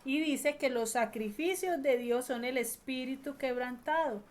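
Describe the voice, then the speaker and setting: Woman preacher, high voice, earnest, slows down on the big lines. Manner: earnest, slows and stresses key phrases, trails off softly at ends. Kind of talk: sermon.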